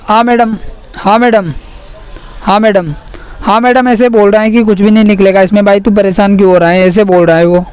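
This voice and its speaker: High-voiced man on a prank call. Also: fairly even intonation, fairly quick, a little mellow, clear, resonant tone. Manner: insistent, repeats "madam" constantly. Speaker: prank caller.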